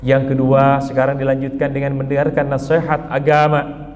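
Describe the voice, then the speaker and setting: A man preaching a sermon in a mosque, emphatic, his voice rising high when he voices a pleading sinner. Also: completely flat delivery, moderate pace, darkish tone. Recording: muffled hall recording with long reverb.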